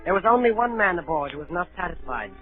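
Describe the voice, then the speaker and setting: Fast and high, with big swings in pitch, this male actor's voice carries an earnest adolescent cabin boy recounting his tale wistfully over soft background music. It comes from a 1930s radio drama, captured in a narrow-band 1938 broadcast.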